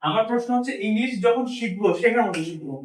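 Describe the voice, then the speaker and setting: A man's voice: very high-pitched, expressive, quick pace. A man from Bangladesh, teaching an English pronunciation class and drilling students with questions and repetition. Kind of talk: classroom lesson. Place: madrasa classroom. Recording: echoey classroom from a distance.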